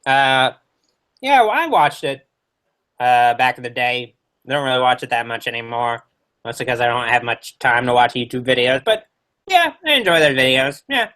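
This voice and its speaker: A brash werewolf doctor who hosts horror shows, played by a man, rambling through livestream questions. He jokes crudely and drifts off topic, in a voice of ordinary pitch. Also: sing-song, normal speed, bright, forceful tone. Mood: wry. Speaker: guest. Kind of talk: in-character livestream interview.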